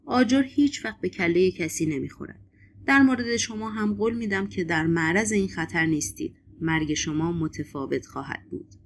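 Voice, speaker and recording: A woman voicing a mysterious foreign man who talks in a calm, assured and cryptic way in an audiobook. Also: lowish voice, slight background noise, natural voice. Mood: ominous.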